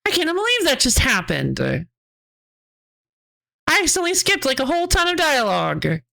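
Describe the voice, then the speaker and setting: A woman's voice: high-pitched, wildly swooping pitch, moderate pace, creaky, bright, forceful tone. A woman game streamer giving casual live commentary.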